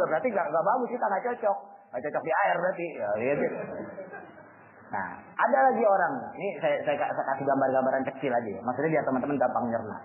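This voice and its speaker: A man gives a casual sermon to young people, using slang and asking his listeners rhetorical questions. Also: sits high. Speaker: religious teacher. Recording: tinny phone-like line, faint noise.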